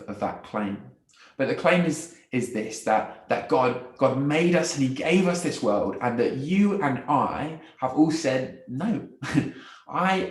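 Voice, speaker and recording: Male speaker, mid-range voice, earnest gospel talk with repeats and hushed moments, roomy echo. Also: mid-range voice. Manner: earnest, repeats words, drops to soft quiet phrases. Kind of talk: evangelistic talk. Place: university event room. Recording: echoey room.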